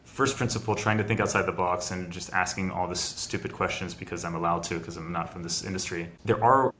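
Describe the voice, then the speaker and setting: This middle-aged Frenchman, a biotech founder guesting on a video call, explains a lengthy process in steps, backing up to restart now and then, in a casual interview. He talks fairly quickly in a low, fairly bright voice with fairly even intonation, and a slight hiss or hum sits under the audio.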